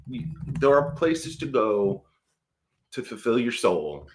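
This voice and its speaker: A man's voice: medium pitch, big pitch swings, slow. A man co-hosting a casual local morning radio show, trading wry jokes and making earnest appeals to listeners. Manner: wry, joking asides, earnest civic appeals.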